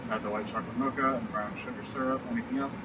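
A drive-thru worker taking orders in a brisk, routine way, his voice heard over a drive-thru speaker from inside a car. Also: mid-range voice, huge pitch swings, noisy background. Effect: heard through a drive-thru speaker.

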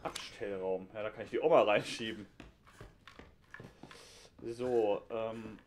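Speaking slowly in a fairly low, steady voice, a man offers light, joking commentary as he plays a horror game. He's at home on a headset for this casual let's-play, with slight background noise.

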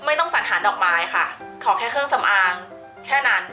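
Bright-voiced, chatty woman beauty vlogger. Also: mid-range voice, big pitch swings, a little fast, faint music behind. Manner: chatty and playful, mixing in English product words. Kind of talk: casual makeup tutorial chat.

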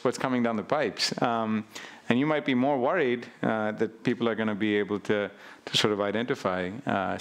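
A man's voice: mid-range voice, vocal fry. A middle-aged man speaking as a professor on a conference panel in a large auditorium, thinking aloud with fillers and restarts. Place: large auditorium stage with audience.

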